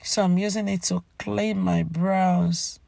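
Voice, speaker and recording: A woman with a cracking, croaky voice from a cold, chattily narrating a makeup tutorial and speaking straight to her viewers. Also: on the low side, steady tone, slow pace, warm tone, no room sound. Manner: chatty, addresses viewers directly with tag "okay?". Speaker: beauty channel host.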